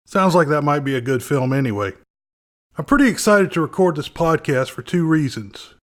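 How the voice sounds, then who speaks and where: A man's voice: fairly high pitch, animated, normal speed. Wry man hosting a movie podcast. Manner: wry, joking. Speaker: podcast host. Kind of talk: casual podcast movie review.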